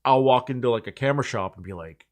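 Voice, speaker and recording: Male host, forties, relaxed chat, rambling with fillers and restarts. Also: mid-range voice, fast. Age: 40s. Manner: rambling, full of likes and restarts. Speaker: channel host. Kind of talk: casual chat.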